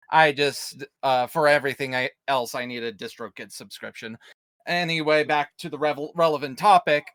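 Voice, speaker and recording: A man in his late twenties talks on a casual panel. His voice is smooth and clear, in a dry, close sound. He chats loosely and wanders off topic before coming back. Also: medium pitch, fairly bright tone, no room sound. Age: 20s. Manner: chatty, drifts off topic and back. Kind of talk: casual online panel chat.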